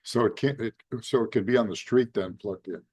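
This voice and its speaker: A man's voice: fairly low pitch, a little fast, a little mellow, husky, no room sound. A man on a city council asking plain follow-up questions in a conversational way. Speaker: council member. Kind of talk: meeting discussion. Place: council chamber.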